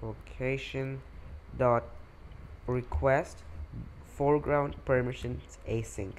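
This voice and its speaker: A man's voice: medium pitch, steady tone, slow pace, slight background noise. A man hosting a coding tutorial, walking through code step by step with occasional fillers over a screen recording.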